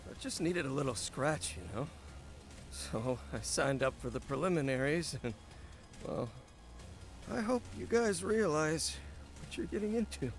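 A man voicing a beaten-up, boastful but anxious young man in a video game, halting and excitable. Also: a little high, faint music behind. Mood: sheepish, worried.

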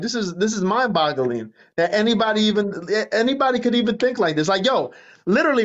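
A man's voice: high voice, fairly bright tone. A man with a New Jersey accent talking casually and emphatically on a livestream, repeating his points into a phone. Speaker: livestream host. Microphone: phone at arm's length. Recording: dull lo-fi livestream phone audio.

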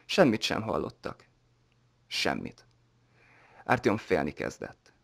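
A man narrating an audiobook in a steady, even reading voice. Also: medium pitch.

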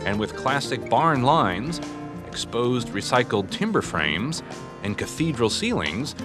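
A male TV host narrating a home-building feature in a smooth, measured presenter voice. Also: medium pitch, sing-song. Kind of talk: scripted documentary narration. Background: background music under the voice-over.

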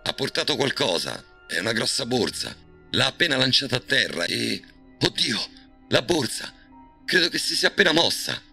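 A man's voice: mid-range voice, very animated, normal speed, creaky, sharp tone, soft background music, pitched above the performer's own voice, exaggerated voice. A man voicing a terrified young boy reporting over a walkie-talkie, his voice climbing in panic. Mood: panicked. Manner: panicked, rising voice.

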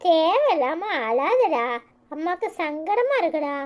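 A woman's voice: very high-pitched, big pitch swings, a little slow, full character voice. Woman doing a soothing cartoon mom. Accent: Tirunelveli Tamil. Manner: coaxing, reassuring. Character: gentle, soothing mother. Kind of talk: cartoon comedy voice acting.

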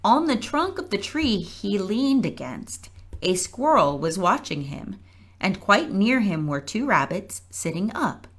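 A woman reading a children's book aloud at a library storytime, gentle and measured. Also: mid-range voice, sing-song, husky. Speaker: storytime reader.

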